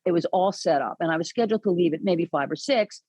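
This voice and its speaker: A woman guest on an interview podcast, telling a personal story in an earnest, animated way with many restarts. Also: on the low side, fast, breathy edge, no room sound, poor audio. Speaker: podcast guest, caregiving advocate.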